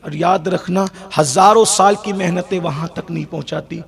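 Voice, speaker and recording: A man from India preaching an Urdu sermon, moving from soft storytelling to loud, emotional shouting. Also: high voice, vocal fry. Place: large gathering at a religious festival.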